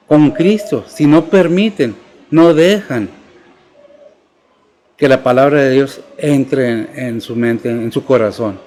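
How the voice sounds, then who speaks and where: A man's voice: fairly high pitch, a little mellow. A male pastor, preaching and posing questions to the congregation. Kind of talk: sermon.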